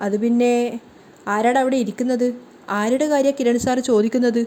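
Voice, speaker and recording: Woman doing a sly nervous cheat, stammers and dodges, soft mellow tone. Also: on the high side, fairly even intonation, a little fast, natural voice. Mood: evasive. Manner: stammering, evasive. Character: nervous sly cheating young man, Manohar.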